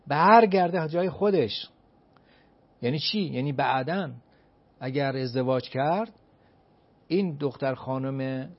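A man giving advice as an expert guest, emphatic, asking himself rhetorical questions and counting off his points one by one. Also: fairly high pitch. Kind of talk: explanatory advice talk. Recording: dull lo-fi recording.

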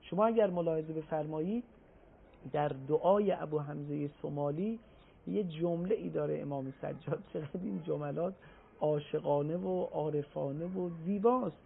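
A man giving a religious talk on a broadcast program, explaining patiently and reciting Arabic phrases slowly. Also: fairly high pitch, vocal fry, a little hiss or hum. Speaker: religious speaker. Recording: tinny phone-like broadcast audio.

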